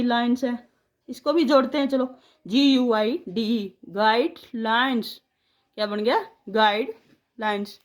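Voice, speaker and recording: A woman teaching spelling, sounding words out letter by letter and syllable by syllable. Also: fairly high pitch. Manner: slow, drawn-out syllable-by-syllable dictation.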